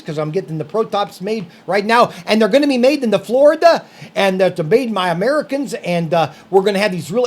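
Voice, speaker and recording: A man hosting a casual podcast, rambling and heated, with many restarts and filler words. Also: high-pitched. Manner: heated, raising his voice on his points. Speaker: podcast host. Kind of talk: casual talk-show rant.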